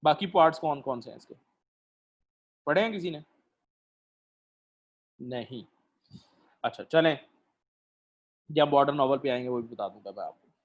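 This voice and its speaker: A male lecturer, teaching a literature class online, explaining slowly with many pauses and fillers and putting questions to his students. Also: medium pitch, lively intonation, muffled recording.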